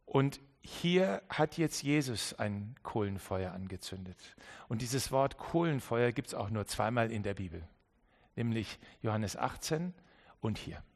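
A man preaching a sermon to a congregation, emphatic, dropping to quiet low asides and repeating key phrases for weight. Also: expressive, a little slow, creaky. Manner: emphatic, swings between loud stresses and quiet low asides. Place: church service with an audience.

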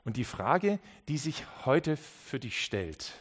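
Man giving a sermon, talks right at you, restarts a lot, goes quiet then punchy. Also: mid-range voice, sing-song, slow pace, breathy edge. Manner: earnest, direct address with many restarts; swings between soft and emphatic. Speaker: preacher. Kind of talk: Christmas sermon.

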